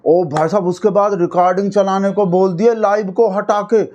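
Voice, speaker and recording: A man's voice: high-pitched, steady tone, normal speed, a little mellow, highs cut off. A man giving comic, mocking commentary on news clips, chatty and full of asides. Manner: mocking, chatty, repeats "bhai sahab". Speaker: satirical commentator.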